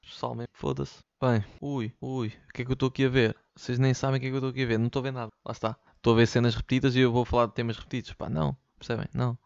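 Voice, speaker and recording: Fast-talking, swearing Lisbon podcaster man. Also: mid-range voice, little pitch movement, gravelly, a little mellow, dry recording, muffled recording. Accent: European Portuguese, Lisbon slang. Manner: rambling, swears a lot, slangy and joking. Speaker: podcast host. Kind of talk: casual solo podcast rant. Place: his bedroom. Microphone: studio mic, sometimes off-axis.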